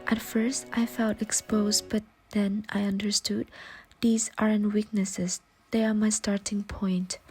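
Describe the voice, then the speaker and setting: Soft-spoken young woman from Vietnam. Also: mid-range voice, flat delivery, unhurried, faint music behind. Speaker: postgraduate student. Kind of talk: scripted reflective narration.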